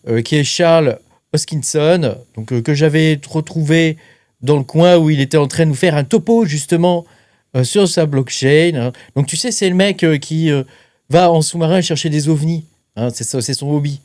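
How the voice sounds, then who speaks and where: A man's voice: on the high side, moderate pace, a little mellow, no room sound. Chatty man, dry close sound. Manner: chatty, filler-heavy, keeps adding "hein". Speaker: crypto mining channel host. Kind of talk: casual explainer talking to camera.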